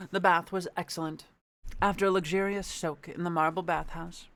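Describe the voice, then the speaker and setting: A man's voice: on the high side, vocal fry, fairly bright tone. A man reading a storybook aloud and chatting casually, with a playful, sweary manner. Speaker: amateur book reader. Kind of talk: casual chat and storybook narration.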